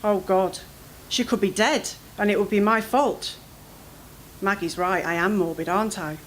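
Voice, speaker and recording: A woman reading her own first-person fiction aloud at a literary event, in an expressive, anxious storytelling manner. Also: mid-range voice, moderate pace, a little hiss or hum, low-quality recording.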